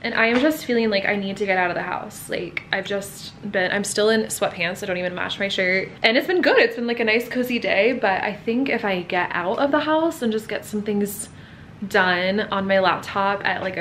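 A woman's voice: mid-range voice, fairly bright tone, slight background noise. Bubbly young woman vlogging at home. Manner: bubbly, chatty, quick laughs. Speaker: lifestyle vlogger. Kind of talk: casual vlog chat to camera. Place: bright apartment room at home. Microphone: camera mic at arm's length or on desk.

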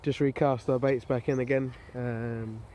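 Outdoors on a lakeside bank, a man presents his fishing vlog, talking casually and understatedly to camera in a flat, mid-range voice at a measured pace. The sound is lo-fi outdoor camera audio with clear ambient background noise.

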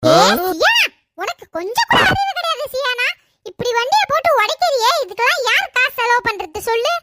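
A woman voicing a stingy, sharp-tongued village housewife in a cartoon, with a Kanyakumari Tamil accent and a scolding, bickering way of talking. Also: very high-pitched, very animated, normal speed, heavy background noise. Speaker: wife.

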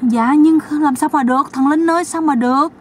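Woman putting on a high flustered naive woman. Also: moderate pace, a little mellow, close to an everyday voice. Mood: pleading. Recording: distant mic, faint background noise.

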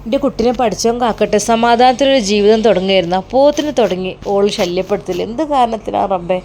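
A woman's voice: medium pitch, quick pace, a little mellow, slight background noise, natural voice. A woman voicing an anxious, pious older mother who speaks in fretful, pleading tones.

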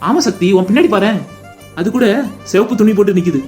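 Cartoon role: teasing young husband voiced by a woman, rapid, mid-pitched. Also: darkish tone, soft background music, natural voice. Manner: playful, affectionate teasing. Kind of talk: cartoon voice acting.

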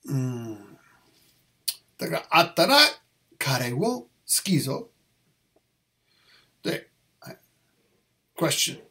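A man who teaches English, going through test answers and mixing English and Japanese as he repeats phrases slowly. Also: medium pitch, sing-song, a bit bright.

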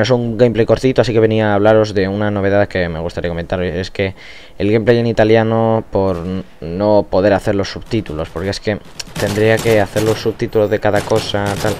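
A man's voice: fairly low pitch, a little mellow. Rambling Spanish man narrating gameplay. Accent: Spain Spanish. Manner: rambling, with frequent restarts and fillers. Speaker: gaming YouTuber. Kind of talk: casual gameplay commentary.

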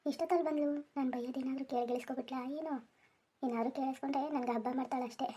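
A woman's voice: high voice, fairly even intonation, quick pace, natural voice. Woman voicing a grumbling village farmer husband. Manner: grumbling, nagging complaints. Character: fussy middle-aged village farmer husband. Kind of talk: Kannada cartoon voice acting.

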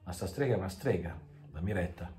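A man voicing a gruff male trucker who warns with urgent emphasis, in an echoey room with faint music. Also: low voice, lively intonation, brisk, warm tone. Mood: warning.

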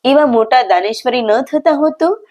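A woman's voice: sits high, lively intonation, moderate pace, darkish tone, voice pushed up. A woman voicing a devoted village mother who scolds the lord lovingly and emotionally. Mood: scolding.

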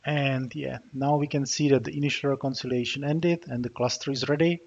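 Typing commands as he talks, a Czech developer walks viewers through a terminal demo of a tool, his mid-pitched voice steady in tone, fairly quick, and touched with vocal fry. Frequent "uh" fillers break up his narration. The muffled, slightly dull recording carries keyboard clicks underneath.

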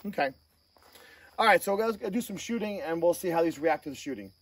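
At an outdoor shooting range, the male host of a gear review channel gives casual, hands-on product review talk. His voice is slightly high, animated, and a little fast, and the distant mic picks up outdoor noise and insect chirps.

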